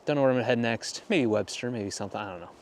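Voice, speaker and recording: A man's voice: medium pitch, racing. A man doing a casual walk-and-talk photography vlog out in the cold by a frozen lake, thinking aloud in easygoing muttered asides. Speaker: photography vlogger. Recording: noisy outdoor wind and ambience. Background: clear outdoor ambient noise.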